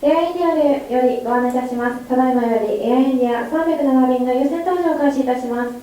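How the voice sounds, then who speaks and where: A woman giving a formal, polite airport public-address announcement as a gate agent, speaking English. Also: sits high. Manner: rapid, polite and formal, with small slips corrected on the fly. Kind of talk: formal bilingual boarding announcement. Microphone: public-address microphone. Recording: echoey terminal over a loudspeaker with faint ambience.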